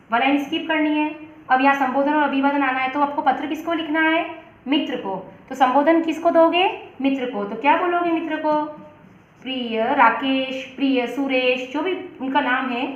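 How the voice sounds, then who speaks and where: A woman, a teacher explaining letter writing step by step and calling her students beta. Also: high voice. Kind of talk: Hindi letter-writing lesson. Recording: very echoey, dull lo-fi room.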